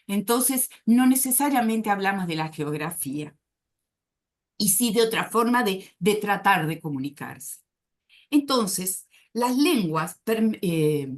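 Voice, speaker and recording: At an academic conference, a female psychoanalyst speaks as a panelist, presenting in a reflective, scholarly manner. Her pitch rises and falls a lot as she searches for words, and she hesitates briefly and often.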